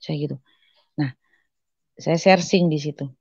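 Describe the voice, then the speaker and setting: Woman telling her story casually, lowish voice, dull dry sound, acts out the back-and-forth. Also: measured pace, breathy edge, no room sound. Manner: animated retelling with quoted dialogue and many fillers. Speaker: guest giving a testimony. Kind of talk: personal testimony, casual storytelling.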